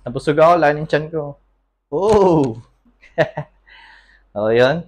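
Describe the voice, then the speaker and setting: A man's voice: a little high, animated, takes it slowly, a little mellow. A man from the Philippines who runs a computer shop, chatting casually in a vlog, easygoing and laughing often, a little out of breath. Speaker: computer shop owner and vlogger.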